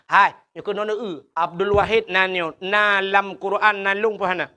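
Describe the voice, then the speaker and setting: A man's voice: high-pitched, little pitch movement, normal speed, bright, forceful tone. A man preaching a humorous village sermon with an Acehnese accent, telling stories and acting out villagers' dialogue. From Aceh.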